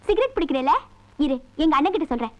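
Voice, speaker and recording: A woman's voice: high-pitched, sing-song, fast. An actress playing a cheeky young woman who teases a young man. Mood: teasing. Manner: teasing.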